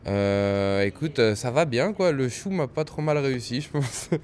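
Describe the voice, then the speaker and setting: A man's voice: mid-range voice, animated, moderate pace, darkish tone, slight background noise. A man with a French accent, a jazz musician from the Paris suburbs, chatting easily in an interview and laughing readily. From France, Paris suburbs. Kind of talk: casual interview chat.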